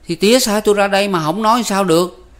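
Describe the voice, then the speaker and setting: A man voicing a young village boy who talks quickly and excitedly, with a Southern Vietnamese accent. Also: natural voice. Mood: eager. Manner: quick, excited, high-pitched. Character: young boy Năm, eager and chatty.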